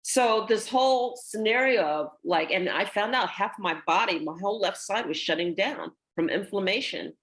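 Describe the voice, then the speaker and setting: A woman's voice: mid-range voice, normal speed, hardly any pauses. A woman, a guest, telling her story in a conversational way and acting out the people she quotes. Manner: animated, acts out quoted dialogue.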